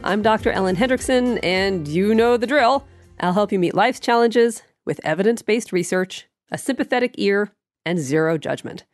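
A woman's voice: medium pitch, expressive, normal speed, dry recording, faint music behind. Froggy-voiced woman hosting, with a cold. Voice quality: froggy, congested. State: getting over a cold, froggy voice. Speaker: podcast host, psychologist. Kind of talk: scripted solo advice podcast narration.

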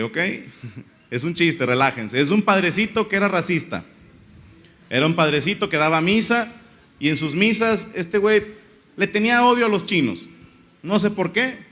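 A young man rambles through a stand-up monologue, crude and full of slang. His voice sits fairly high and sounds bright and forceful. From Monterrey, Mexico. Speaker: comedian.

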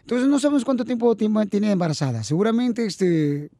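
A man's voice: high voice, a little fast, mellow, no echo, studio quality. A man hosting a call-in radio show, casual and affectionate, calling people sweet names. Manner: affectionate, calls people "mi amor" and "hermosa".

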